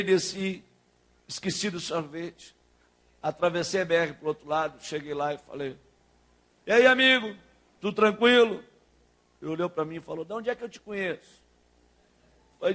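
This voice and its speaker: A man preaching a sermon as pastor, telling a story with acted-out dialogue and building to loud, fervent preaching. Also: high-pitched. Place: church sanctuary.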